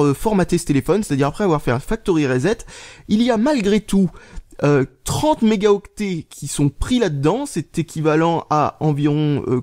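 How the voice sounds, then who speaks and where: A man giving a casual hands-on phone review, halting and full of restarts, muttering and swearing under his breath as he types. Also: high-pitched, a little mellow. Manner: halting, many fillers and restarts, mutters while typing. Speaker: tech reviewer.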